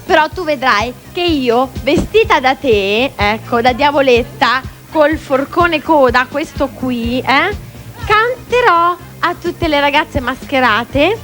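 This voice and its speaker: Bright high-voiced woman hosting TV. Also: animated, slow pace, soft background music. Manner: teasing and chatty, jokes with a guest in a devil costume. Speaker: TV variety show host. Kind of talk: playful studio banter. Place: TV studio.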